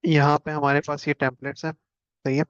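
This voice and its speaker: Guy walking through a software tutorial, flat steady voice, kinda dull lo-fi sound. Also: on the high side, fairly quick, clear, resonant tone, no room sound. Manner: casual, chatty, joking asides. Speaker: instructor. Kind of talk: screen-share tutorial.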